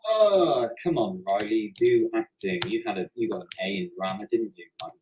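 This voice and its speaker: A man's voice: fairly low pitch, fairly even intonation, a little fast, noisy background. A young man at a casual line-reading session for a fan dub, joking, swearing and fumbling his lines. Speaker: fan voice actor.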